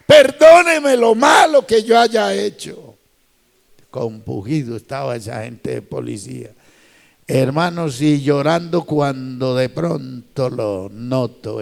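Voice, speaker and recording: Male pastor, fervent storytelling sermon, raised gravelly voice, long hall reverb. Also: a little high. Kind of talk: sermon testimony.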